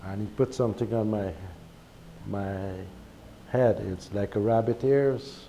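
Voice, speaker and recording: Guyanese man, lowish voice, halting testimony, noisy recording. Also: warm tone, highs cut off. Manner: slow, halting, with repeated words and pauses. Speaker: speaker sharing a spiritual testimony. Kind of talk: personal testimony monologue. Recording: recorded with clear background noise.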